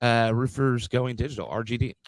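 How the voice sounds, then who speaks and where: A man's voice: mid-range voice, steady tone, fairly quick, dry recording, poor audio. A man hosting a podcast from a studio, reading out sponsors and introducing a guest in a hyped-up, stumbling way, often repeating his words. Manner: hype-driven, repeats words, stumbles on them. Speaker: podcast host.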